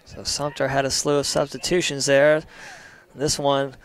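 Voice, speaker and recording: A young man calling a live college soccer match play by play, steady between plays and rising sharply on chances. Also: medium pitch, moderate pace, smooth. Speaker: play-by-play commentator.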